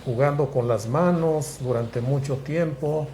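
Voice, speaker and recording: A man, a psychiatrist guest explaining things in a measured, step-by-step way with frequent restarts. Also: medium pitch, warm tone, a little hiss or hum. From Mexico. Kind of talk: explanatory interview talk.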